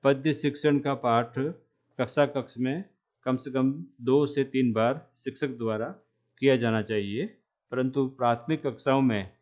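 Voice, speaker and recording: A man lecturing trainee teachers, speaking slowly and repeating key terms, with frequent checks that the class is following. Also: mid-range voice, a little mellow, highs cut off. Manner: asks "है ना?" to check understanding.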